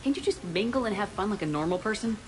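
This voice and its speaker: A woman's voice: medium pitch, lively intonation, fast, natural voice. A woman playing a confident military commander in a video game, bantering in a friendly, casual, teasing way.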